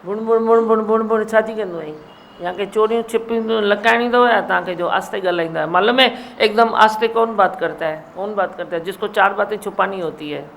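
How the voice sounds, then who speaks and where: Woman guru preaching, scolds and teases, voice a bit gravelly, faint noise behind. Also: medium pitch, a little fast, fairly bright tone. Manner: scolding and teasing, mimics mumbling. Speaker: spiritual guru. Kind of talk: sermon. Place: satsang hall.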